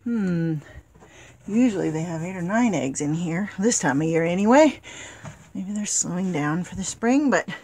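A woman's voice: fairly low pitch, expressive, moderate pace, dark tone. A woman keeping backyard chickens, chatting casually and unhurriedly as she walks the yard and talks to her hens. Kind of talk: casual walk-along narration. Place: outdoor yard and chicken pens. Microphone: handheld camera. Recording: noisy outdoor camera audio.

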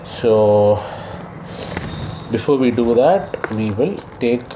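Working on the floor of his home, a young vlogger gives relaxed how-to instructions in a mid-range voice. He explains in fits and starts, frequently pausing mid-sentence. The room's ambient noise stays steady throughout.

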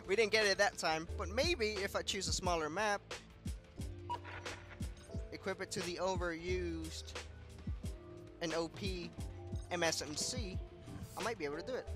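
A young man giving excitable live commentary on his gameplay, yelping and trash-talking. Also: sits high, a little slow, long pauses. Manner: excitable, yelps and trash talk. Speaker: gaming youtuber. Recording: loud game music behind.

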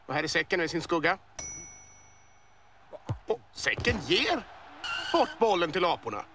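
A man voicing an excitable male boa snake who commentates a cartoon sports match, working up to yells at the goals. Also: high-pitched, noisy background. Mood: amused. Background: music.

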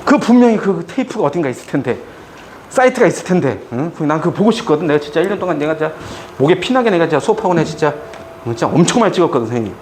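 A middle-aged man lectures a class on math, breaking into joking stories along the way. His voice sits somewhat high and swings widely as he talks. Faint room ambience hangs behind him. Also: racing, slight background noise. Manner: animated, joking, chatty with students. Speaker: math tutor. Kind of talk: lecture with storytelling asides.

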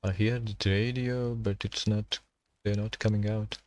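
A man streaming a survival game, talking to himself and his chat in halting, while he plays. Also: lowish voice, little pitch movement, a little mellow, dry recording. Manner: halting non-native English, thinking aloud while playing. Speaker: gaming streamer. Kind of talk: casual gameplay commentary.

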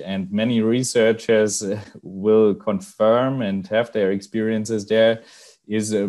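A man's voice: lowish voice, darkish tone. A man presenting slides in a webinar from a small office, talking in a hesitant way with many fillers and restarts.

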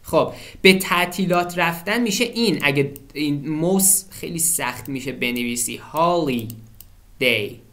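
Animated young male tutor. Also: fairly high pitch. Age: 20s. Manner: animated, keeps checking in with "okay?" and addresses students as kids; slows down to enunciate English phrases. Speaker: English tutor. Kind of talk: exam-prep lesson walkthrough.

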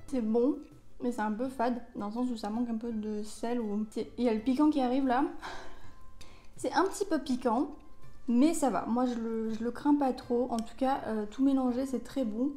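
A young woman talks her way through a casual food tasting vlog, loose and rambling, with plenty of fillers. Her voice sits a little high and has a mellow, warm tone. Light music plays faintly behind her. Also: fairly even intonation, normal speed. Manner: chatty, rambling with many fillers. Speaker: vlogger.

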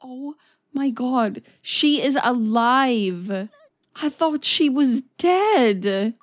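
A woman's voice: high voice, animated, very slow, no echo. A woman hosting an anime reaction video, gushing, exclaiming and swearing casually as she watches.

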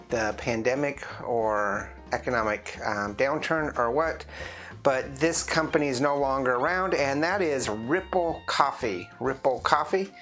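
A man chatting through a relaxed coffee review in a mid-pitched voice that is still rough from the morning. He rambles along, full of ums and uhs, and often restarts his sentences. Faint music plays softly under his voice. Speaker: host of a drinks review channel. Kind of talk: casual coffee review vlog.

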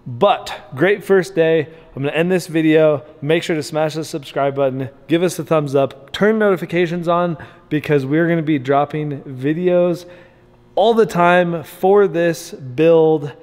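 A man's voice: fairly high pitch, unhurried, darkish tone, long reverb tail. A man hosting his own vlog, chatting casually and upbeat in a loose, rambling way with asides. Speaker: vlog host documenting a truck build. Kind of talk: casual video diary.

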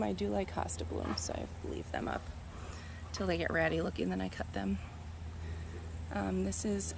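A woman strolls through her garden with a handheld phone, chatting in a relaxed, musing way and pausing over plant names she half remembers. Her voice has a gravelly, fry-tinged edge, and loud insect and cricket noise surrounds her outdoors. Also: medium pitch. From Minnesota. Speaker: gardener giving a garden tour. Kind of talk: casual walking garden tour. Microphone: phone camera held while walking.

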